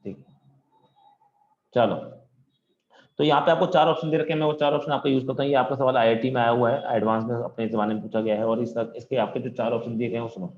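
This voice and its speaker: A man's voice: mid-range voice, fairly even intonation, quick pace, darkish tone. A man teaching physics online from home, talking in a joking, chatty way with his students. His voice sounds dull and a little muffled, and it echoes around the room. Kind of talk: online class lecture.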